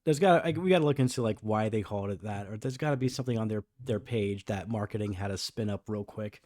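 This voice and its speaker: A man's voice: fairly low pitch, fast talker, darkish tone, dry recording, studio quality. A man co-hosting a podcast in casual chat, musing wryly and repeating himself. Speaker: podcast co-host.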